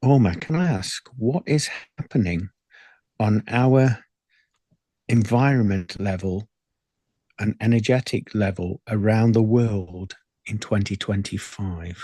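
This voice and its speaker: A man's voice: on the low side, measured pace, warm tone, husky, dry recording. A man acting as interviewer at a channeling session, putting questions in a polite, formal, deferential way.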